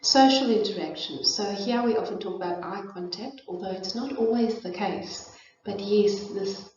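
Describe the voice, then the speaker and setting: A woman's voice: medium pitch, moderate pace, darkish tone, a little hiss or hum. A middle-aged woman with a South African accent gives an informal educational talk, speaking thoughtfully with frequent fillers and restarts. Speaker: presenter of a parenting and child development talk. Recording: echoey, distant, dull room recording.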